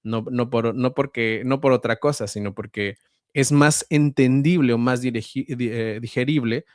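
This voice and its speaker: Male voice-over guest with a central Mexican accent, mid-pitched, dry close sound, measured and explanatory. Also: no echo. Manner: measured, explanatory, frequent hesitations. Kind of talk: conversational interview answers.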